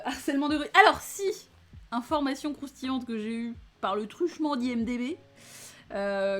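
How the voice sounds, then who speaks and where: Female host from France, casual film talk, lighter pitch, loose and giggly delivery. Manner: chatty, laughs often, many fillers. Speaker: film reviewer. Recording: faint music behind.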